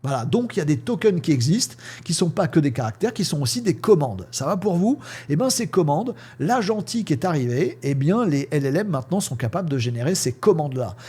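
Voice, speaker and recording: A man explains a topic in a loose, chatty lesson, throwing in fillers and playful sound words as he goes. His voice sits a little high, with a dark, mellow tone and a slightly husky edge. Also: very animated, a little fast, hardly any pauses. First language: French. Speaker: teacher explaining AI prompting. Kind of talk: casual spoken lesson with screen demo.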